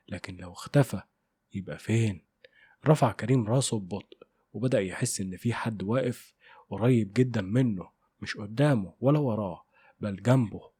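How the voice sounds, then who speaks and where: Male horror narrator with an Egyptian Arabic accent, husky and dark, dry close sound. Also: on the low side, dry recording. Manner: measured, suspenseful. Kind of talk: scripted horror story narration.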